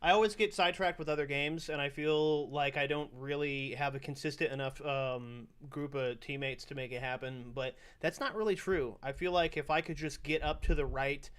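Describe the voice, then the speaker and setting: A young man gives casual reaction commentary on his stream, rambling loosely and cursing often. His voice sits a bit high for a man. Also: normal speed, few pauses, a bit bright, clear, resonant tone. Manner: loose, rambling, swears freely.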